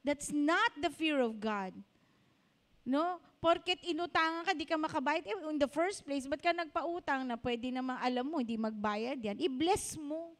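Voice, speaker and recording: A woman's voice: sits high, unhurried. A woman pastor and doctor preaching a storytelling sermon, talking conversationally to the congregation and mixing in English phrases. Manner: conversational, addresses the congregation directly.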